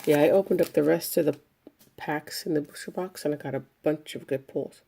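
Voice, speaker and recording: A woman giving casual commentary as she opens trading card packs, listing each card one by one in an unhurried way. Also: sits low, gravelly, warm tone, a little hiss or hum. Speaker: card collector opening packs. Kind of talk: casual pack-opening commentary.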